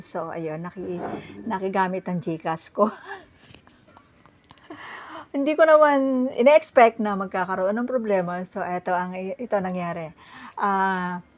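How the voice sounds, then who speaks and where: Middle-aged woman from the philippines telling a story on her vlog, lively, keeps laughing, lots of restarts. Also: fairly low pitch. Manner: animated, laughs often between lines; halting, many fillers and restarts. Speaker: vlogger. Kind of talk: casual storytelling.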